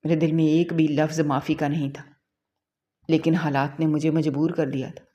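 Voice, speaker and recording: A woman reading a first-person moral story aloud in a calm, even narrating manner. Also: low-pitched, dull audio.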